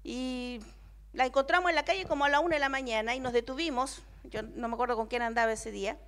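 Young Argentine woman preacher with a high voice, telling a testimony in a sermon, quiet in prayer and strong in emphasis. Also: fast talker. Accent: Argentine Spanish. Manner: storytelling, swings from hushed quoted prayers to emphatic exclamations.

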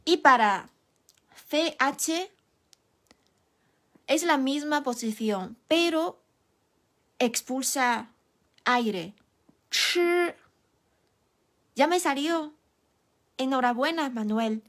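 A woman's voice: high voice, expressive, slow, long pauses, a bit bright. A young woman whose first language is Chinese, giving a patient, encouraging Mandarin lesson and demonstrating sounds. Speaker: Mandarin teacher. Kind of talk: live online language lesson.

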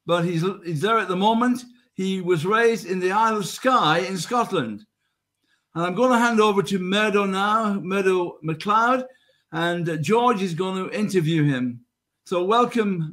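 A man's voice: sits high, a bit bright. An older man hosting an online show, announcing the channels and introducing the guests over a video call. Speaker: show host. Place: indoor room at home.

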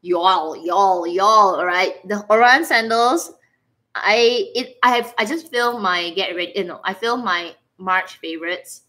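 Her pitch is medium and her pace unhurried as this Singaporean-accented woman chats with viewers on a casual livestream. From her living room she plays around, rambles, and reacts aloud to comments with animated energy.

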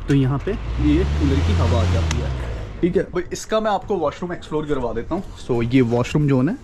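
A young male travel vlogger walks and talks casually at a hillside campsite outdoors, mixing English words into his chatter. His voice is a little high with a dark tone, and faint outdoor noise is audible.

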